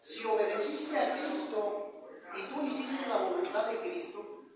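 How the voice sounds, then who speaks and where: A man's voice: sits high, unhurried, a crowd in the background. A man preaching a sermon to a congregation and online viewers, often asking his listeners whether they follow him. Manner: call-and-response questions, checks understanding with "¿verdad?" and "¿me explico?". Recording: echoey hall with long reverb, voice far from the mic, clear background noise.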